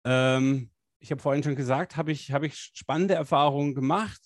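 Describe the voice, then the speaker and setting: A man's voice: medium pitch, moderate pace, dry recording, clean studio sound. A man co-hosting a live stream, an agile coach talking casually and energetically with many fillers.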